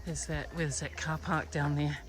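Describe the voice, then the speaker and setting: A young woman films a casual hiking vlog on a phone she holds while walking the trail, chatty, out of breath and sighing as she climbs, her voice chesty from a cold. She speaks at normal speed with a low voice and flat delivery, and music plays in the background.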